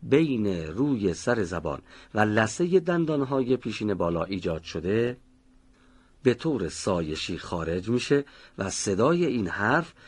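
A man teaching Quran recitation, explaining how to pronounce a letter and slowly sounding out example words. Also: fairly low pitch, a little mellow, husky. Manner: slow, deliberate pronunciation of example words. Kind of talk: instructional lesson. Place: recording studio.

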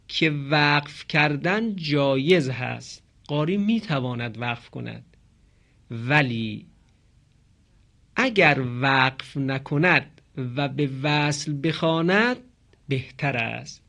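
In an explanatory lesson on pause marks in Quran recitation, a man teaches the rules didactically, posing questions and then answering them himself. He stresses and drags out key terms, and his voice is on the high side, animated and a bit bright.

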